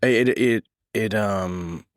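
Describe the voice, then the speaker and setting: Chill podcast host guy, low voice, lots of mm-hmms and yeahs. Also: drawn-out words, no echo, clean studio sound. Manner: easygoing, affirming. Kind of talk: casual interview chat.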